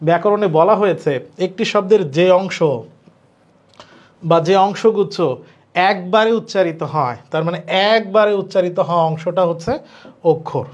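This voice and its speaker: A man teaching an online grammar class, explaining slowly, repeating points and asking his students questions. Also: high-pitched. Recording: dull lo-fi recording.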